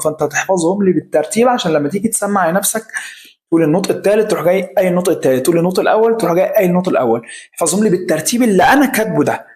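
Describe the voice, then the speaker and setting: A man with an Egyptian Arabic accent, teaching an English pronunciation lesson and repeating sounds as drills for the viewer. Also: a little high. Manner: lively, drills sounds by repetition, addresses viewer directly. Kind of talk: online lesson.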